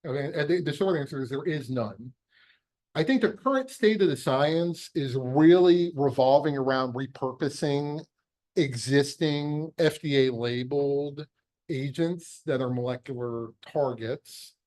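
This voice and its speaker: Speaking at a measured pace with a darkish tone, this mid-range male voice belongs to a middle-aged American physician, a pediatric epilepsy surgeon. He lectures conversationally, stressing points firmly and tossing out rhetorical questions.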